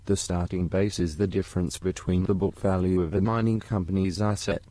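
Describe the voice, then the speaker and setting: A male text-to-speech voice from a talking device, reading text in an even, machine-like way. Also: sits low, a little fast, no echo. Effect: synthetic text-to-speech voice.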